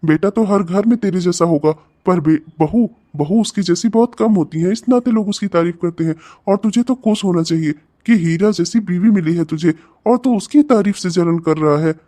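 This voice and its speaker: A man's voice: high-pitched, moderate pace, hardly any pauses, mellow, natural voice. A man voicing an easygoing young friend in a cartoon, casually talking sense into his buddy. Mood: coaxing. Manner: casual, coaxing, reasonable. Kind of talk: cartoon voice acting.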